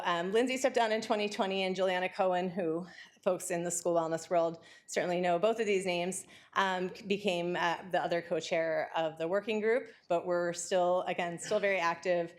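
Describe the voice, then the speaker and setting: A woman giving an academic lecture, talking quickly and excitedly with frequent fillers and restarts. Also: on the low side.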